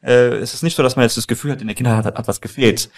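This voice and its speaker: Very fast and medium-pitched, a young adult co-founder and co-host from Germany, Iranian-born and Mannheim-raised, tells personal anecdotes in relaxed, colloquial conversation. He's emphatic and talks straight to the listener.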